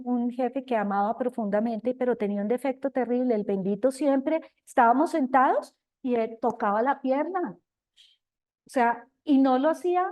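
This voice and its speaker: An older woman with a Colombian accent, sharing her experience expressively at a recovery group talk, sometimes speaking loudly. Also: on the high side. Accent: Colombian Spanish. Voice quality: talks loudly at times. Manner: expressive, addresses listeners as companions.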